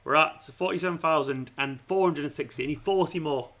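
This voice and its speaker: Speaking a little high and a little fast with a fairly bright tone, a fan channel host chats matily to viewers on a football watchalong livestream. He often says "man," "mate" and "pal," and his voice is starting to go.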